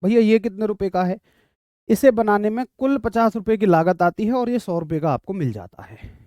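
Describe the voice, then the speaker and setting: A man's voice: sits high, a little mellow, dry recording, clean studio sound. A man teaching physics in a classroom lecture, explaining through a story and asking students to confirm they follow.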